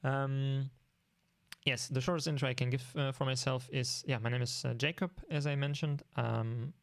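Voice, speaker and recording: A man from Germany with a German accent, an online programming instructor talking informally and haltingly with many ums. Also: mid-range voice, fairly even intonation, gravelly, dry recording. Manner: hesitant, many ums and restarts.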